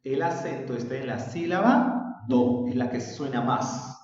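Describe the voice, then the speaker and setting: A man's voice: mid-range voice, lively intonation, unhurried, a little mellow. A male language teacher explaining a lesson patiently, stretching out example words. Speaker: secondary school language teacher. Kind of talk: recorded remote lesson. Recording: dull, roomy, distant with long reverb.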